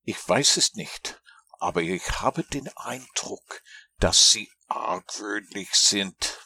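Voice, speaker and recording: A man voicing a simple, earnest, honey-loving toy bear in a storybook read-aloud, in a slow, plaintive, raised voice. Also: lowish voice, very animated, vocal fry, bright, forceful tone, husky, dry recording, heavily acted. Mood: whispering.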